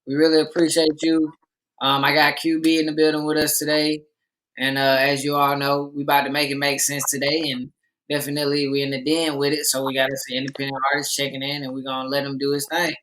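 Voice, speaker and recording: Bright-voiced hype podcast host man. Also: a little high, completely flat delivery, quick pace, slight background noise. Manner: hype, slangy introductions. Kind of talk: casual podcast hosting.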